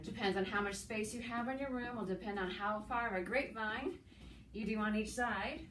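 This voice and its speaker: A middle-aged woman coaching an exercise class as an aerobics instructor, calling cues and counts with steady encouragement while she works out. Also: medium pitch. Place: indoors, plain room with hard walls. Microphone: camera several meters away. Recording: echoey room, distant mic, background noise.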